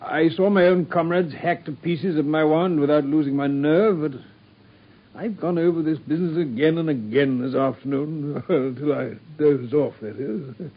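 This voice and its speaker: An actor playing an earnest former army doctor and loyal companion who speaks politely and a little hesitantly. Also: male voice, fairly high pitch, normal speed. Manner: polite, hesitant, slightly bewildered. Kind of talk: 1950s BBC radio drama acting. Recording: dull lo-fi old radio broadcast.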